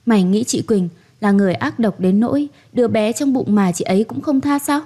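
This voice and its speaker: A woman's voice: a little high, moderate pace, mellow, close to an everyday voice. A woman voicing a scheming young daughter-in-law who talks sugary-sweet but scolds harshly, in a read-aloud story. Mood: scolding. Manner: sugary when asking, harsh and scolding when angry.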